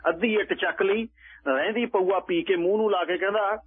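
Husky man telling a radio story. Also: sits high, a little fast, no echo. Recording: tinny phone-like radio line.

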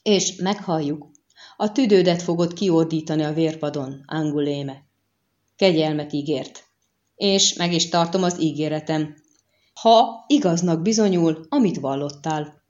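A woman reading an audiobook and voicing a stern, calculating middle-aged male prefect who speaks with measured contempt. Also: deep voice, a little mellow, dull audio, lightly acted. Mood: grim.

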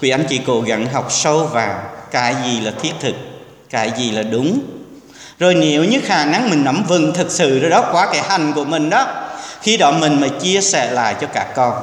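A Buddhist monk gives an earnest, exhorting sermon to a temple congregation, occasionally slipping in English words and acting out quoted speech. His voice is a little high with lively intonation and normal speed, echoing in a hall with long reverb.

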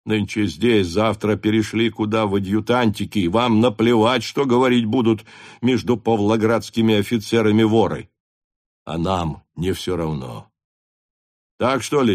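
A male narrator plays an older cavalry staff captain, stern, honest and proud of his regiment. He lectures with earnest reproach in a lowish voice, recorded close and dry. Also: a little mellow, no echo, natural voice.

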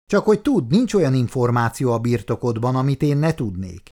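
A man's voice: medium pitch, animated, dark tone, voice pushed up, lightly acted. A man reading the part of a cool-headed militia leader who talks to a prisoner in a dry, teasing, lecturing way. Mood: cool mocking.

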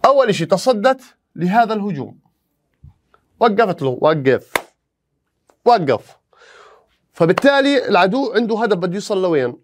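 A male teacher racing through an exam review at high speed, his voice sitting slightly high. He keeps firing rhetorical questions and slips into playful mini-skits. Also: animated, quick pace. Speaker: history teacher.

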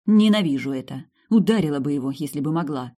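A woman's voice: sits low, fast talker. Woman narrating a first-person fantasy novel. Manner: lively, sharp tone shifts between quips and narration. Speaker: audiobook narrator.

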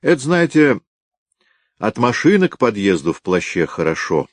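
A man's voice: on the low side, very animated, moderate pace, no echo, voice pushed up. A man reading aloud voices a blunt field detective who speaks sharply and curtly. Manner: sharp, curt.

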